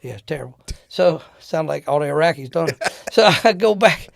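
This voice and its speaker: A man's voice: fairly high pitch, moderate pace, vocal fry, no room sound, studio quality. A man telling casual travel stories as an interview guest, acting out the people he met. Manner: animated, acts out the people in his stories. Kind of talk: casual storytelling.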